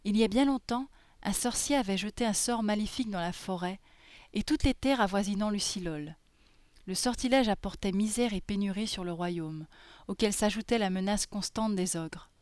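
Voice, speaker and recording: Soft-spoken woman reading a fairy tale. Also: medium pitch, normal speed, clean tone, no echo. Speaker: storyteller.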